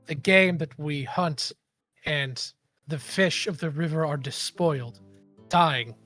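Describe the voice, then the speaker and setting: A man voicing a guarded, stern female hunter leader in a tabletop game, speaking in a solemn, measured and weary way. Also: on the high side, sharp tone, faint music behind. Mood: grave. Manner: slow, solemn, measured delivery.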